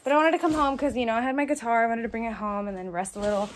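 Teen girl rambling into her phone, kinda high voice, noisy background hiss. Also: fairly even intonation, very fast. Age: teens. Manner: chatty, rambling with fillers. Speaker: vlogger, show choir member. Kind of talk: casual vlog chat.

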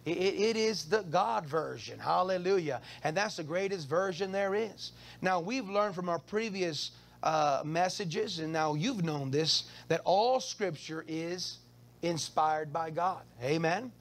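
A man preaching a Wednesday evening sermon as the pastor, calling on the church to answer and rising into loud, high exclamations. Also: a little slow, creaky. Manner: call-and-response preaching, swells into high exclamations.

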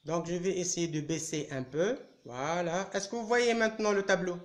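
Teaching French online and live to primary pupils, a man at an indoor chalkboard speaks in a high-pitched voice, slowly and patiently. He repeats "allez" over and over to coax them into answering, and the room adds an echoey, roomy quality.

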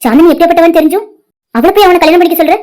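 A woman voicing a caring young wife in a cartoon, earnest and quick to scold. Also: very high voice, a little mellow. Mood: reproachful.

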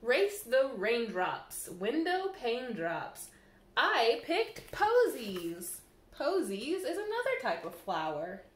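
A library storyteller in her thirties sits in a small room by a window, reading a picture book to young children. Her slightly high voice is very animated and sing-song, aimed directly at the kids, and she takes her time. A camera mic placed a short way off picks up a roomy echo.

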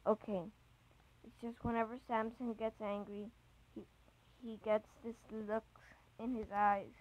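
A woman's voice: a little high, little pitch movement, a little slow, darkish tone, close to an everyday voice, low-quality recording. A woman reading a chat story aloud, voicing an anxious young man who hesitates and stumbles over his words. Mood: hesitant.

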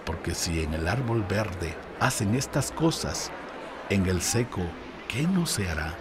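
A man voicing a solemn condemned teacher who speaks a calm, measured warning in a Bible reading. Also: sits low, background noise.

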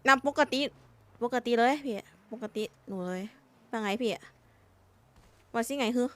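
A woman's voice: fairly high pitch, unhurried, a bit bright. A woman chatting bluntly and teasingly while playing an online roleplay game, swearing freely. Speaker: roleplay gamer. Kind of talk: casual game chat.

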